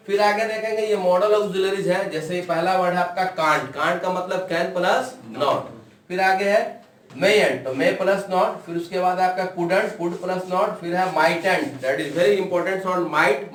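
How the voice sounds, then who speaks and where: A man teaching an online English pronunciation lesson, drilling words slowly one at a time and stretching the sounds. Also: high-pitched, reverberant, recorded from a distance.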